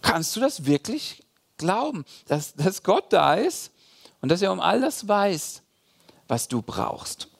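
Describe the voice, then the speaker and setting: A man's voice: high-pitched, takes it slowly, gravelly, breathy edge. A man preaching a sermon to his congregation, talking straight to the listeners with many fillers and asides. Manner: animated, addresses listeners directly with frequent fillers. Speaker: pastor.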